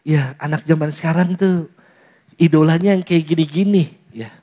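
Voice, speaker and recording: High-voiced joking priest. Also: male voice, fairly even intonation, normal speed, mellow. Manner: playful, teasing, mimics youth in falsetto. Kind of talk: lively sermon to a parish audience.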